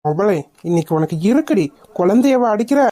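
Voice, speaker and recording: A performer voicing an angry young husband and father who shouts and threatens his wife in a village cartoon. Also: medium pitch, expressive, brisk, close to an everyday voice. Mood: furious. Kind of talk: cartoon voice acting.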